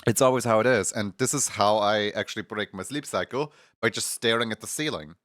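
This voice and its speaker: A male streamer in casual live chat, his voice stuffy and congested from just waking up. He rambles, laughs often and greets viewers by name. The tone sits lowish and smooth, close to a dry mic. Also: brisk, fairly bright tone, no echo. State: congested morning voice.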